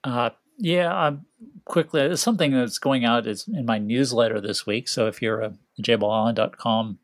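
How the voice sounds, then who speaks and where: A man's voice: medium pitch, normal speed, no echo. A man co-hosting a sports talk show, talking casually and hesitantly with many fillers. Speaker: podcast co-host.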